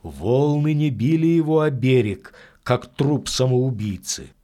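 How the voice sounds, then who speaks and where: A man's voice: medium pitch, animated, measured pace, warm tone, lightly acted. A man doing an earnest, lecturing priest. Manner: earnest, explanatory, matter-of-fact. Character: calm, insightful middle-aged priest.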